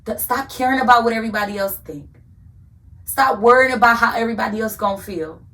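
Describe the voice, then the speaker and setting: A woman's voice: a little high, fast talker, sharp tone, distant mic. A woman hosting a podcast, giving an earnest faith-based motivational talk and repeating phrases for emphasis like a preacher. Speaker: podcast host.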